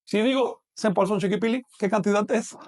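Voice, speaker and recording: A man's voice: sits high, fairly quick, darkish tone. A man teaching a math class online, explaining patiently and quizzing a student as he goes.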